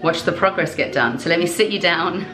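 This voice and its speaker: A woman's voice: fairly low pitch, brisk, music in the background. A young woman, chatting casually to camera in a renovation vlog from rooms in her home, self-deprecating and lightly swearing. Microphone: handheld camera or phone at arm's length.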